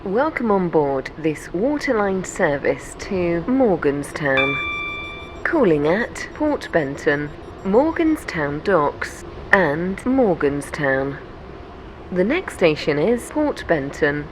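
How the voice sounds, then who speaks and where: A woman's recorded onboard train announcement, low-pitched and unhurried. Her pitch rises and falls in lively swings, and each polite set phrase is delivered with measured care. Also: slight background noise, poor audio. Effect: onboard train announcement system.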